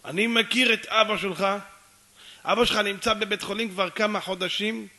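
Persistent pushy stranger, a male preacher putting him on, slightly husky. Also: high-pitched, fairly even intonation, bright, forceful tone, full character voice. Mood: insistent. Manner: insistent, nagging. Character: pushy stranger in a wheelchair, insistent man.

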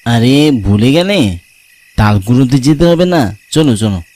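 A man's voice: mid-range voice, animated, measured pace, darkish tone, close to an everyday voice. A man playing a friendly young village cousin who talks in a casual, teasing way.

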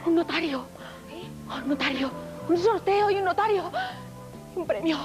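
A woman's voice: very high voice, lively intonation, normal speed, over music. A woman playing a frantic seance medium in a trance, repeating her phrases ecstatically in a theatrical TV comedy sketch. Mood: entranced, ecstatic.

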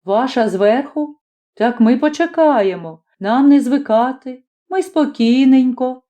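A woman's voice: sits high, measured pace, lo-fi sound, voice pushed up. A woman doing a grumbling old ex-magistrate. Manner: lively, grumbling, folksy storytelling. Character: grumbling former magistrate, now humbled, middle-aged man.

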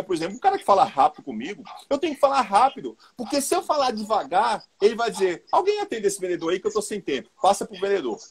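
Brazilian man, sales trainer, fairly high and husky voice, chatty and direct with his listeners. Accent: Brazilian Portuguese. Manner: colloquial, lively, addresses the audience directly. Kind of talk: live online sales talk.

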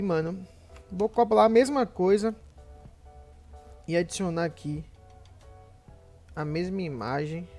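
A man's voice: high voice, a little mellow. Young man, Bahian Brazilian accent, casual gaming YouTuber, informal slang, light background music. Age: young adult. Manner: informal, slangy, addressing viewers as buddies. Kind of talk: casual gamer vlog chat. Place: small home gaming room.

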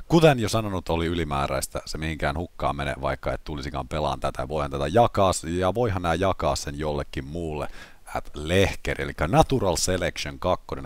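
A man with a hoarse, sick voice, hosting a casual gaming vlog and chatting in a self-mocking way with lots of filler words. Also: very deep voice, dry recording. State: hoarse from illness. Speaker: gaming channel host.

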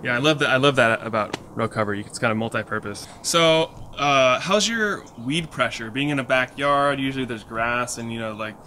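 Man, bright forceful voice, encouraging interviewer, outdoors, faint ambient noise. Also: medium pitch. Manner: encouraging, quick affirmations. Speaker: interviewer, farming mentor. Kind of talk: casual interview. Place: backyard vegetable garden outdoors.

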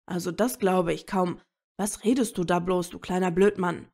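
A woman reading aloud as a gruff adult male werewolf who scolds and growls. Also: fairly low pitch, slow, warm tone. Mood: gruff scolding. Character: gruff grown male werewolf, curt and irritable.

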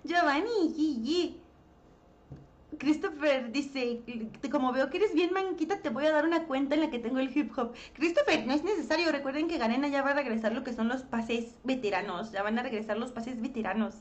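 High-voiced Mexican woman streaming a game. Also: moderate pace, dull audio. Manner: chatty, greets viewers, excitable outbursts. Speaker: livestream gamer. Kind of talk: live game stream chat. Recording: loud game noise behind.

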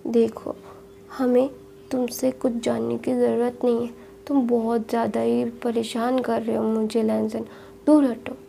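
A woman's voice: on the high side, flat delivery, unhurried, vocal fry, warm tone. Snappish seventeen-year-old boy, as a woman reads him. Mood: irritated. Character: feisty young man, seventeen, sharp-tongued.

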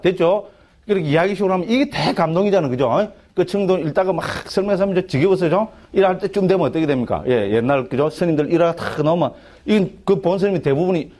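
A man's voice: fairly high pitch, a little mellow. A middle-aged man with a Gyeongsang Korean accent, a monk giving a chatty class lecture on a Buddhist text, constantly asking the class "right?" and restarting his sentences.

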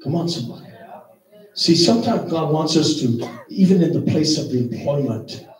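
A man preaching a sermon, telling a personal story in a loose, conversational way full of "man" and "you know", sometimes shouting. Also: fairly high pitch, expressive, moderate pace. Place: church hall. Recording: echoey church hall, distant mic.

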